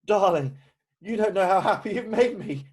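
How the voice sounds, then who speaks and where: An ardent young gentleman suitor acted by a man, with a fairly high voice and a nervous, stammering delivery. He sounds like a stage comedy lover in a read-through on a video call. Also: expressive, normal speed. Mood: elated. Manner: hesitant, stammering. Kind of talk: amateur play read-through.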